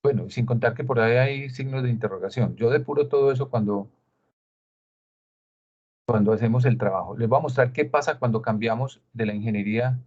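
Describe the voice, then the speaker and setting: A man's voice: medium pitch, fairly quick, a little mellow. A man with a Colombian Spanish accent gives a screen-share tutorial, explaining step by step and asking rhetorical questions. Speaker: instructor. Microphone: video call. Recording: dull lo-fi video call audio.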